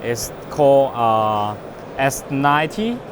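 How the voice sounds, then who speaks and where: On a noisy trade show floor, a company representative who isn't a native English speaker demonstrates a product unscripted, speaking haltingly in broken phrases. His voice is medium in pitch with a sing-song quality.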